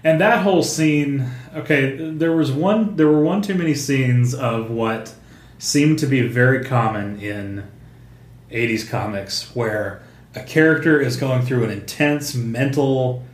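Hesitant man in a roomy space. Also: medium pitch. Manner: hesitant, halting, many fillers and restarts. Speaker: podcast co-host. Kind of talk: casual comic book chat. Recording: roomy untreated room sound.

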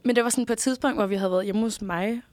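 A woman's voice: mid-range voice, a little mellow, no echo. Frank young Danish woman, dry mic. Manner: frank, chatty, quick to agree and react. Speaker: podcast co-host. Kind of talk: casual chat.

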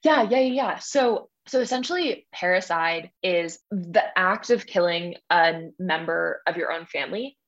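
A young woman tells a story with lively, slangy enthusiasm, her pitch sitting a bit low. Her voice comes through dull and lo-fi, with the highs muffled. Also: unhurried, hardly any pauses. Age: young adult. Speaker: podcast guest, graduate student. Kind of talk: casual chat.

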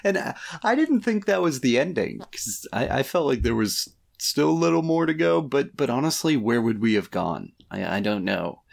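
A man co-hosting a podcast in casual chat, rambling and halting as he thinks aloud. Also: medium pitch, sing-song, gravelly. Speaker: podcast co-host.

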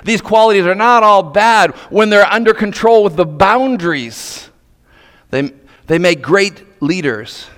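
A man from Nova Scotia preaches a sermon, dramatically moving between hushed questions and loud, emphatic points. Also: sits high, measured pace. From Nova Scotia, Canada. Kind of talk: sermon to men, storytelling with pointed rhetorical questions. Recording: reverberant hall.

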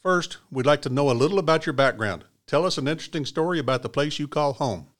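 A man from Kentucky hosting a scripted interview podcast in a measured, encouraging way. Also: on the high side, lively intonation, a bit bright. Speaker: podcast host.

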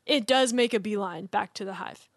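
A woman's voice: medium pitch, moderate pace, creaky, no echo. Southern woman co-host, rambly casual chat, dry close mic, voice trailing off. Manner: rambling, filler-heavy, trails off softly. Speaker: podcast co-host.

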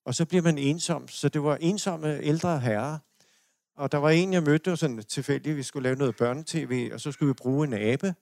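Older Danish male lecturer, gravelly voice, meandering anecdotal delivery. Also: on the high side, darkish tone, no room sound, clean studio sound. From Denmark. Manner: rambling anecdotal storytelling with restarts and chuckles. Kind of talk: personal storytelling lecture. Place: lecture hall.

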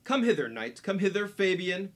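A man's voice: high voice, big pitch swings, moderate pace, a bit bright. A man playing a rowdy, boisterous knight in a stage play, teasing and blustering. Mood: scheming.

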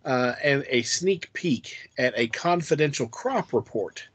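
A man's voice: medium pitch, animated, measured pace, fairly bright tone, slightly rough, dry recording. A man co-hosting a podcast, explaining a trivia fact in a rambling, hesitant way with many ums and restarts. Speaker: podcast co-host. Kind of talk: casual podcast chat.

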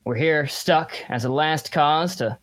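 A man voicing a gruff, blunt military colonel with a cowboy air in a tabletop roleplaying game. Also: a little high, unhurried, a bit bright. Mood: grave, matter-of-fact.

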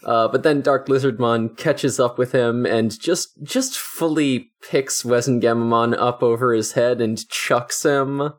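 A man's voice: medium pitch, steady tone, measured pace, few pauses. A man casually recapping an episode as a podcast co-host, loose and full of fillers like "like" and "you know". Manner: loose, filler-heavy storytelling with swearing.

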